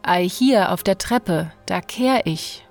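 A woman's voice: on the low side, animated, takes it slowly, faint music behind. Woman voicing magic talking blood drops. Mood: innocent.

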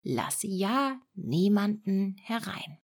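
A woman's voice: mid-range voice, sing-song, slow pace, a little mellow, exaggerated voice. A woman voicing seven small kindly male dwarfs in a whispered role-play, asking earnest questions.

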